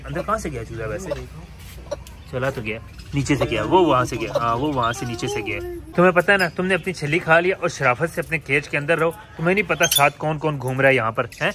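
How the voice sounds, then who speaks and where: A young man's slightly high, brisk voice coaxes and scolds his pets as he films them casually for his pet and bird vlog. He's outdoors in his home yard with pet cages, with loud birdsong and a crowd audible in the background.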